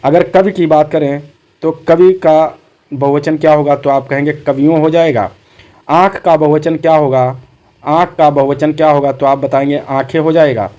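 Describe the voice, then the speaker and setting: A man's voice: on the high side, steady tone, normal speed, dark tone. A man teaching a Hindi exam-prep class, repeating each answer back as a question to his students.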